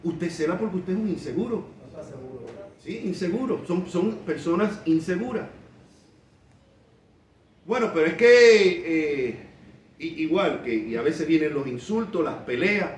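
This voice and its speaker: A man preaching a sermon as pastor, repeating key phrases slowly and acting out quoted people in quick voices. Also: fairly high pitch, lively intonation, slight background noise. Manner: slow emphatic repetition of key phrases. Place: church. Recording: echoey church from a distance, faint background.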